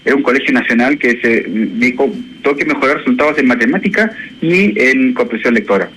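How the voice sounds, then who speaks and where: A man's voice: mid-range voice, expressive, fairly quick, a bit bright, low-quality recording. A man from Chile, an education professor speaking as a guest in a radio interview, thoughtful and hesitant, with many fillers. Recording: radio broadcast with faint noise.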